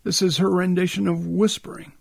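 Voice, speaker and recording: A man's voice: sits high, flat delivery, brisk, creaky, breathy edge, no room sound. A man hosting a radio show, talking between records in an easygoing, conversational way into a close studio mic. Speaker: radio host.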